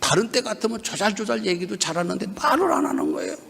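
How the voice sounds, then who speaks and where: Man, revival preacher, Chungcheong Korean accent, high lively voice, call-and-response, long church reverb. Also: fast talker, vocal fry. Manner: animated, leads the congregation in call-and-response repetition. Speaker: guest pastor. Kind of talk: revival sermon. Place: church sanctuary during an evening revival service.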